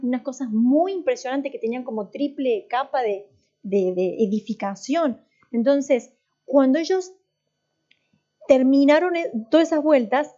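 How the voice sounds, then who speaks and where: A woman with a high, mellow voice teaches a church class, talking it through casually and quizzing the students as she goes. She often breaks off and restarts her sentences. The recording sounds dull and lo-fi. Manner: conversational, asks the class questions, many restarts. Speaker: worship and voice teacher.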